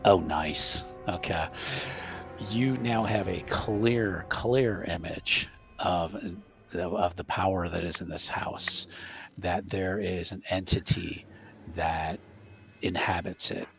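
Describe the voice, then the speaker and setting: Low gravelly man running a tabletop game. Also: takes it slowly, a bit bright, highs cut off. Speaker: game master. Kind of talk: narrating a tabletop horror game. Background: music.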